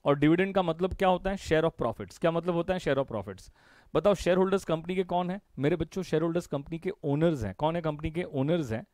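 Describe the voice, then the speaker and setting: A man's voice: fairly high pitch, fairly quick, a little mellow, dry recording, clean studio sound. A male commerce teacher with an Indian English accent giving a live online revision lecture. He teases students by name, drills terms by repeating them, and answers his own questions. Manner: repeats key phrases in call-and-response drills; mixes Hindi with English terms.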